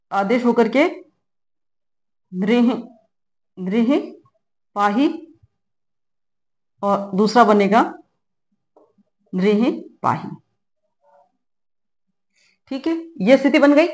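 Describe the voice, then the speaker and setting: Her voice slightly high and darkish in tone, a middle-aged woman gives a classroom-style grammar lesson. She goes through it patiently, one step at a time, frequently stopping to make sure her students are keeping up.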